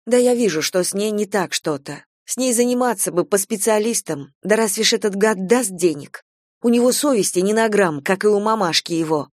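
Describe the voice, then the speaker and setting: A woman's voice: medium pitch, a little mellow, no echo, clean studio sound, voice pushed up, lightly acted. A woman reading an audiobook, voicing a worn-out single mother who complains bitterly about her ex-husband and his mother. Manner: fast, bitter, exasperated complaining.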